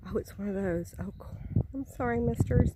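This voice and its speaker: A woman's voice: mid-range voice, normal speed, very noisy. A woman chatting to viewers while walking by a lake, a little out of breath. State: slightly out of breath. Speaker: vlogger. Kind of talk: casual vlog narration. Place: outdoors by a lake, woods.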